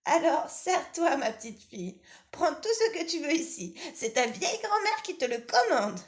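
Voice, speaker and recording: A frail, weary old grandmother from a storybook, voiced by a woman chatters kindly and breaks into small laughs. Her voice sits high and thin. The reading has an echoey room around it. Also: very animated, moderate pace. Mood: doting. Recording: roomy echo.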